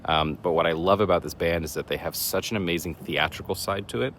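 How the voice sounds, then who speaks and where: Talking fast, a deep-voiced male vlogger who enters horror contests chats to camera outdoors in the woods. His tone is fairly bright and a little raspy, and he rambles with fillers, often joking at his own expense. Faint sounds of a leaf blower and vehicles drift in.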